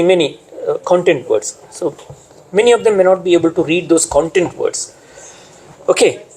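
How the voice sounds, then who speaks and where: Give me a high-pitched man with an Indian English accent running a teacher-training lecture, repeating key words. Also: warm tone, slightly rough, poor audio.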